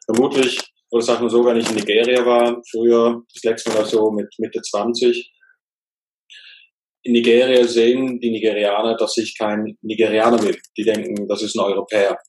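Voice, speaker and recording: A man in his thirties from Germany, living in Switzerland since age twelve, speaks as an interview guest, reflective and relaxed with some fillers. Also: fairly low pitch, normal speed, a little hiss or hum, low-quality recording. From Germany, then Switzerland from age twelve. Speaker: coach and author.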